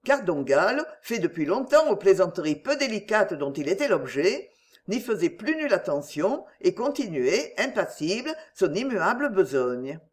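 A woman narrating a novel as an audiobook reader, expressive and storytelling. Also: medium pitch, moderate pace.

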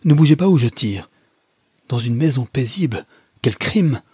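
A man voicing a pompous, self-important male caretaker who makes loud, blustering threats. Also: medium pitch, brisk, husky, dry recording, voice pushed up.

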